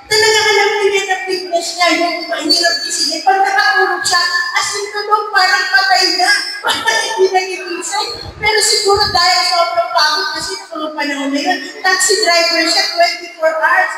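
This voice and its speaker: A middle-aged Filipino woman giving a lively personal talk to a church group, teasing and asking the audience questions. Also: extremely high pitch, moderate pace. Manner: mixes in English words, teasing, asks the audience questions. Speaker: speaker at a marriage encounter gathering. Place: parish hall. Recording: echoey hall, from far off, faint background noise.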